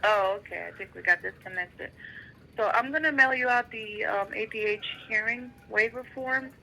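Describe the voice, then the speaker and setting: A woman's voice: on the high side, normal speed, gravelly, pushed and bright, a little hiss or hum, poor audio. A woman caseworker explaining a benefits waiver over the phone in a procedural way, with filler ums.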